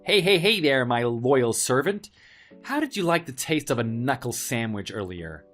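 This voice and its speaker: An actor playing an arrogant, spoiled young heir who bullies office workers in a dramatized story, with a mocking, pompous manner. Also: male voice, mid-range voice, sing-song, moderate pace, soft background music. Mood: mocking, threatening. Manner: mocking, pompous, loud swings of emphasis.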